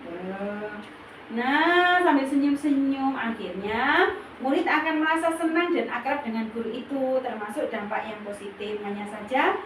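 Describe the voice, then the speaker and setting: A woman's voice: high-pitched, lively intonation, normal speed, a bit bright. A woman kindergarten teacher giving a workshop presentation to colleagues, explaining points in lists and acting out sample teacher lines. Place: school room. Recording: echoey room, mic far off, faint noise.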